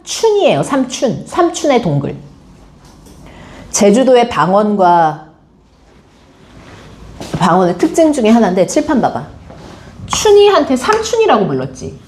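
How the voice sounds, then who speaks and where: A woman's voice: fairly high pitch, darkish tone. A woman teacher giving a classroom literature lecture, quizzing her students with frequent questions. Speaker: high school teacher.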